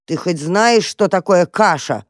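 A woman voicing a big, gloomy male sheepdog who talks slowly and grumbles. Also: animated, no room sound, clean studio sound. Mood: gloomy grumbling. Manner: slow, low grumbling.

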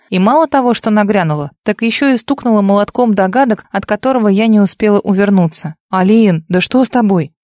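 A woman's voice: mid-range voice, mellow, dry recording, studio quality. A woman reading a first-person novel aloud as an audiobook narrator, with an emotional, intimate storytelling manner.

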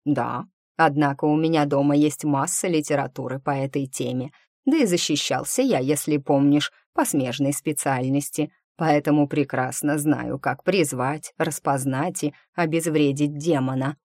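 A reader voicing an old, wry and guarded male magic teacher in an audiobook, telling his story in a measured, steady way. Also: mid-range voice, no echo, studio quality, close to an everyday voice. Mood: grim, firm. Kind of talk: audiobook character reading.

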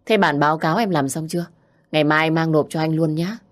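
A woman voicing a stern male office manager who scolds briskly over the phone. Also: sits low, natural voice. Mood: scolding.

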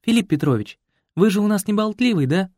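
A man's voice: sits high, expressive, brisk, darkish tone, no echo, studio quality, pitched above the performer's own voice. A man voicing an earnest, chatty young village woman in an audiobook. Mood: coaxing. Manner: eager, chatty, pleading. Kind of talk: audiobook character voice.

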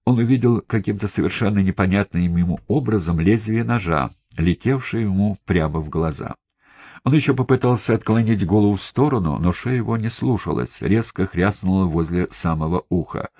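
Male audiobook narrator, very low and husky, grave steady reading, dry booth. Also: fairly quick, no echo.

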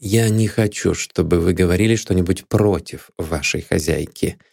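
A man reading a calm, stern detective. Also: sits low, no echo. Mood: measured. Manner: calm and measured. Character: patient, stern male detective.

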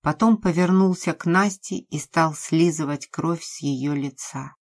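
A woman's voice: sits low, a little slow, a little mellow. A woman reading a novel aloud with dramatic expression, as audiobook narration.

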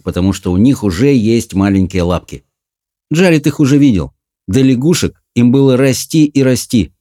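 Man, audiobook narrator, measured reading, mellow warm tone, middle pitch. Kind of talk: scripted narration.

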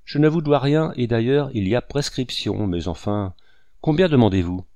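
A man's voice: mid-range voice, moderate pace, a little mellow, dry recording, natural voice. A man voicing a sly, miserly old man who pleads and protests, in an audiobook reading. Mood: pleading. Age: older.

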